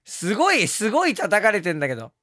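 A hoarse man, talking casually on stream, excitable and quick to laugh or yell. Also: high voice, no echo, faint music behind. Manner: excitable, switches between laughing and yelling. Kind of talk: casual stream talk reacting to comments.

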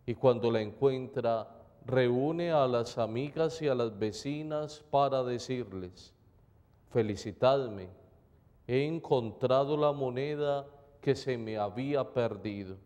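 A priest reads the gospel and gives a homily during Mass in a large church, his delivery slow, measured and solemn. His mid-range voice has a dark, mellow tone, and a long cathedral reverb trails every phrase.

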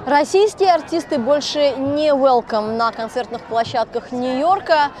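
A woman reporter reads a news voice-over in a high, crisp delivery. Each sentence is scripted and steady. A faint hiss sits under her. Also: unhurried.

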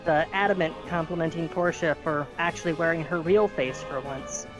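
A woman's voice: sits low, moderate pace, rough recording. A woman chatting casually as a player in a tabletop game, playful and exclamatory. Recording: music behind the voice.

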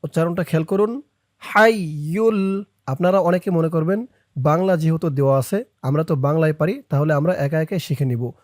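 This step-by-step recitation lesson has a teacher talking fast in between long, slowly chanted phrases, prompting viewers to echo every one. Her or his mid-range voice has a darkish tone, recorded in the studio with no room sound.

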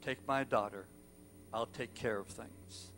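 A man acting out a sick, desperate father who pleads in halting, broken words. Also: sits high, fairly bright tone, voice pushed up. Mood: resigned.

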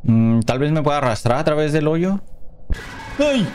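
A man's voice: on the high side, a little fast, darkish tone, slight background noise. A man commentating a horror game as he plays, reading the game's dialogue aloud between casual reactions. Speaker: gameplay commentator. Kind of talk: let's play commentary.

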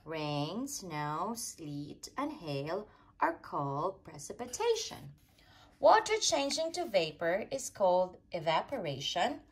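Reading a rhyming children's picture book aloud, a female storyteller uses expressive, deliberate sing-song phrasing aimed at young kids. Her voice is mid-range with a breathy edge.

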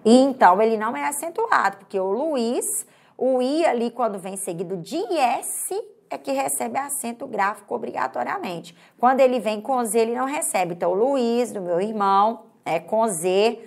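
A woman's voice: fairly high pitch, animated, gravelly. Chatty Brazilian woman teaching grammar. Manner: pauses and hurries unevenly. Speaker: Portuguese language teacher. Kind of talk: online exam-prep grammar lesson.

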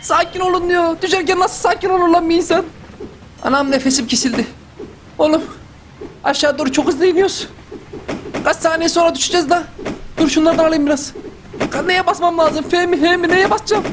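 A man doing live gameplay commentary for his channel, panicky and excitable, with loud exclamations and slangy asides. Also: extremely high pitch, fairly quick, pauses often, noisy background. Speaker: gaming YouTuber. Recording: clear music underneath. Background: game background music.

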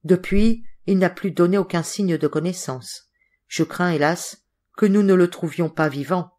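A woman reads a literary audiobook aloud in scripted narration. Her voice sits on the lower side, and she keeps a steady, expressive pace through the story. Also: measured pace.

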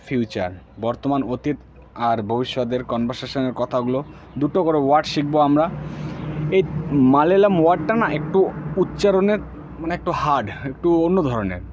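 A man giving a casual video language lesson, saying each practice phrase slowly and repeating it several times. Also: medium pitch, muffled recording, noisy background. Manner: slow, drawn-out repetition of practice phrases. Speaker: language teacher.

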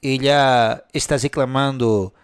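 A man's voice: medium pitch, steady tone, clean tone, no echo, clean studio sound, close to an everyday voice. A man playing a cold formal messenger. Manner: slow, formal, deliberate. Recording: music playing behind.

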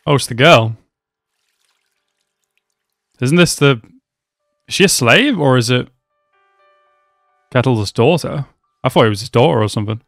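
This young anime reaction host talks loosely over an episode from a small home room, using a headset mic, swearing freely and calling the characters bro. His ordinary-pitched voice is expressive and unhurried, with frequent pauses. The sound is close, dry and slightly bright, without echo, and faint music plays behind him.

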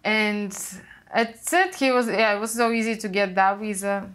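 Recorded on a lapel mic in a small studio room, a young woman from Russia who once worked as a cruise ship assistant waiter chats casually as an interview guest. She tells stories with lively, non-native phrasing and a Russian accent, in a medium-pitched voice at normal speed.

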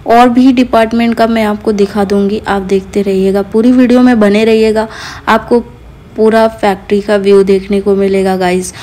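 A woman's voice: medium pitch, steady tone, normal speed, mellow. A woman vlogger narrating a garment factory tour in a chatty voice-over, talking to her viewers. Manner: chatty, addresses viewers as guys. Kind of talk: casual vlog narration. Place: voice-over recorded apart from the noisy factory.

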